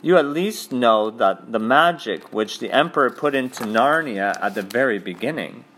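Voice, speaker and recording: A man voicing a cold, cruel witch queen with a shrill, imperious manner. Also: animated, normal speed, fairly bright tone, a little hiss or hum, lightly acted.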